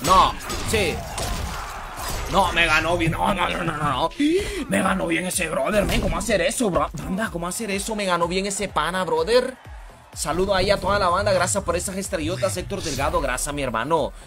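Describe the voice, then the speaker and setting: A man's voice: high voice, moderate pace. A man streaming a fighting game, hyped and slangy, casually thanking viewers and calling out the action. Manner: hyped, slangy, repeats shout-outs. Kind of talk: casual live-stream commentary. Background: game music.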